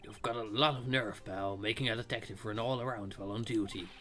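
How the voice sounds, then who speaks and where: A man voicing a gruff, put-upon, blustery police detective from a video game, grumbling as he talks. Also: fairly low pitch, steady tone, brisk, bright, forceful tone. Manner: grumbling, calls people pal. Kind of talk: amateur voice-acting of video game dialogue.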